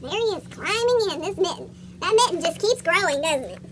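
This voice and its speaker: Someone voicing a chipmunk with a squeaky cartoon voice, reading a picture book aloud to children. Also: lively intonation, brisk, noisy background. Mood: chirpy storytelling. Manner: asks young listeners questions. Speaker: story reader for children.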